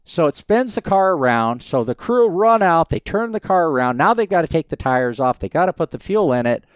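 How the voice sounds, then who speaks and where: 50s guy guesting on a podcast, smooth voice, dry sound, chatty rambly storyteller. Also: fairly high pitch, a little fast, no room sound. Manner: lively, rambling storyteller with many restarts. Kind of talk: casual storytelling interview.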